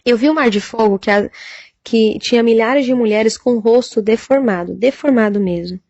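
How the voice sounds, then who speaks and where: A Brazilian woman giving a church testimony of a vision, halting with fillers and citing Bible verses, on a dull lo-fi recording. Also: fairly high pitch, a little mellow, no room sound. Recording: dull lo-fi recording, dry sound.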